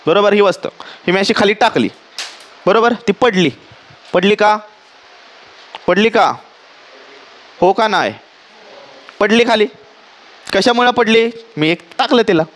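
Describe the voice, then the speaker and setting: Strict high-voiced male teacher. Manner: strict, scolding students to sit straight; asks rhetorical questions, repeats key words. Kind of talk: classroom lecture. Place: classroom.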